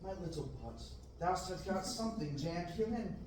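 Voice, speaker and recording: A man with a high, expressive voice reads at a moderate pace, playing an eager, restless young farm boy who dreams of adventure, in declamatory Shakespearean verse with a yearning mood. He's a table-read actor at an amateur reading, seated at a table in a large classroom. A far room camera catches him, so the sound is distant and echoey, with background noise.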